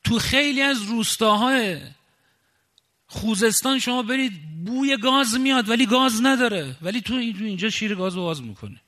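A man from Khuzestan delivers an impassioned sermon in a high, bright, forceful voice. He hammers his points with indignant rhetorical questions. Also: lively intonation. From Khuzestan, Iran.

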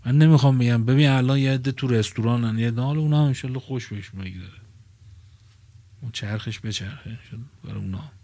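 A man giving a religious sermon at a gathering under a tent. He moves from quiet asides to loud, stressed phrases and slows down to draw out key words. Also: medium pitch, no room sound. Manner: swings between soft asides and loud emphatic phrases, drawing out key words slowly. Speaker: preacher.

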